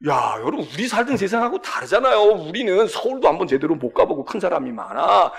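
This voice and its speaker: A male pastor preaching a sermon, acting out dialogue and asking the congregation rhetorical questions. His voice sits high for a man, with a gravelly texture. The pitch moves in big, lively sweeps. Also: fast. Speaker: senior pastor.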